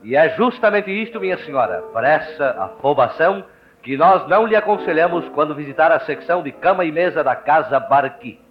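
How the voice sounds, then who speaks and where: Persuasive Brazilian radio announcer, lo-fi sound. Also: male voice, animated, fairly quick, soft background music. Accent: Brazilian Portuguese. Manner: persuasive, formal sales pitch. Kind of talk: read radio advertisement. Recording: dull, lo-fi old radio recording.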